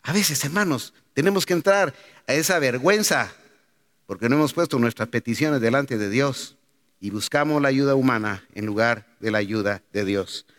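A man's voice: medium pitch, moderate pace, fairly bright tone. A man preaching a sermon, calling out emphatically and asking rhetorical questions. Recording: long hall reverb.

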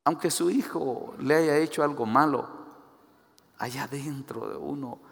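A man preaching a sermon, shifting between loud exhortation and hushed asides. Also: mid-range voice, a little slow, vocal fry. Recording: echoey hall.

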